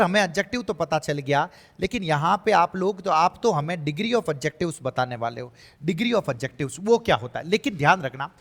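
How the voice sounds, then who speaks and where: A man's voice: on the high side, a bit bright. Hindi-speaking male teacher in a reverberant room. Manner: asks questions and answers them himself, voices students' doubts. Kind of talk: exam-prep lesson.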